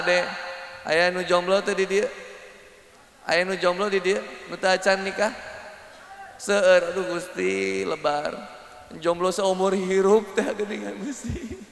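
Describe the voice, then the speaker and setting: Joking Sundanese-accented preacher, echoey hall. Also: male voice, high voice, gravelly, a bit bright. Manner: joking, mixes Sundanese into Indonesian, acts out quoted dialogue. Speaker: Islamic preacher. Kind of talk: humorous sermon to a village crowd. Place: live village religious gathering.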